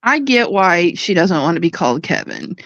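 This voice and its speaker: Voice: mid-range voice, very animated, normal speed, a bit bright, dry recording, muffled recording. Dismissive, matter-of-fact panel speaker. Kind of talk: live panel chat.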